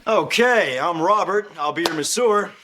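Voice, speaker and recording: Sitcom masseur: polite, apologetic, slightly high pitch, very noisy soundtrack. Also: male voice, expressive, moderate pace. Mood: polite, businesslike. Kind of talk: sitcom acting.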